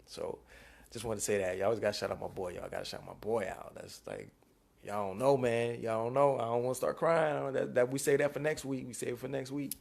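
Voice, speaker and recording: A man's voice: mid-range voice, steady tone, fast talker, creaky, a little mellow. A man reading viewer questions and answering them on a live stream, speaking in a laid-back, slangy way. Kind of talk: casual live-stream chat.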